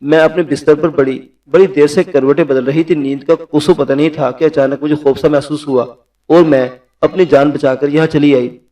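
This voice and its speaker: A man's voice: fairly high pitch, steady tone, warm tone, far from the mic, lightly acted. A man voicing a distressed, stubborn young woman in a spoken story. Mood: distraught.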